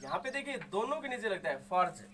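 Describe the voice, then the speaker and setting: A man's voice: high voice, very animated, fast talker, a bit bright, slight background noise. A man teaching Hindi grammar, sounding out each word and repeating it patiently, asking and answering his own questions. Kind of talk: explaining Hindi grammar to students.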